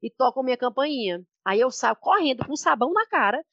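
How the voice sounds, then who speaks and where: A Brazilian woman with a slightly high voice tells an animated story in casual podcast chat. Her audio is a little muffled and lo-fi, and the sound is dry and close. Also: a little fast, no room sound. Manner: chatty, emphatic, animated retelling. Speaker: podcast co-host.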